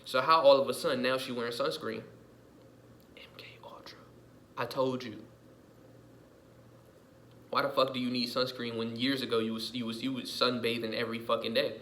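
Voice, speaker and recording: A man's voice: mid-range voice, flat delivery, brisk, a bit bright, a little hiss or hum, low-quality recording. A man giving an emphatic, repetitive vlog monologue, swearing often and circling back over his points. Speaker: vlogger. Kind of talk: casual monologue rant.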